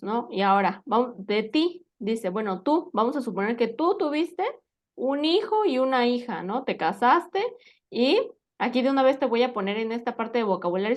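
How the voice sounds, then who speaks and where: Patient woman teaching English. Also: a little high. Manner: patient, quizzing with frequent tag questions. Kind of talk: live English vocabulary lesson.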